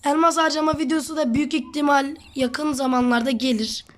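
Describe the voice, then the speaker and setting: Her pitch is high and her intonation fairly even as she talks a little fast through her gameplay. The channel host teases her teammate, chats with viewers, and says she's sick.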